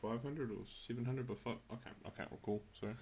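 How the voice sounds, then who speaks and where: A man's voice: medium pitch, fairly even intonation, fast, dark tone. A man chatting casually as co-host, dropping in brief joking remarks. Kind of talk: casual chat.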